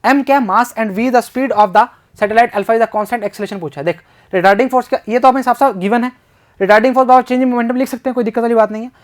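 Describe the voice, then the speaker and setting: A man's voice: very high-pitched, a little fast. A man tutoring physics in a casual exam-prep lesson. He solves problems aloud, reads out the questions with English terms mixed in, and keeps joking and talking to himself and his students.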